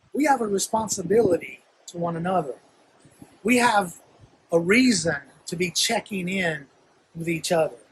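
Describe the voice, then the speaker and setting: A man's voice: high-pitched, heavy background noise. A man with a Southern accent giving an earnest, reflective sermon as a guest minister, speaking to a camera. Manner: earnest, reflective, building to emphatic calls.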